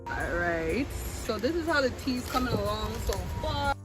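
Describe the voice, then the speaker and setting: A woman's voice: on the high side, big pitch swings, moderate pace, poor audio. Chatty woman vlogging outdoors, music behind. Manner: chatty, addresses viewers as guys. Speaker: vlog host. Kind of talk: casual vlog chat. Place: outdoors by a river.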